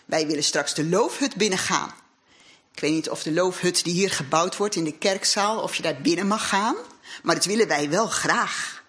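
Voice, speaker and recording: A woman's voice: on the low side, moderate pace, fairly bright tone. Earnest woman preaching a sermon. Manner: earnest, reflective preaching with scripture quotes. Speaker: lay speaker at a congregation. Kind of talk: sermon with personal testimony. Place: church hall.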